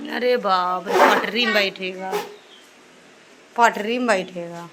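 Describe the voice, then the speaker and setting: A mom vlogging from inside her home on her phone chats with her "guys" while she takes care of her children in this casual family clip. Her voice is mid-range and fairly bright, the pace slow, with slight background noise.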